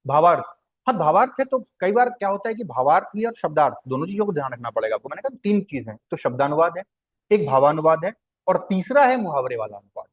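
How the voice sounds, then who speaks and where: A male teacher with a somewhat high voice leads a lesson on Hindi translation. He explains patiently and repeats himself, poses questions to the class and answers them himself. His delivery is conversational and instructive. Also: very animated, quick pace.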